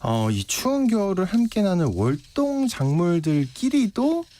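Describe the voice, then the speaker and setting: A man's voice: sits high, sing-song, measured pace, mellow. A man hosting a radio interview, reacting briefly and prompting his guest with short questions. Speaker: radio host.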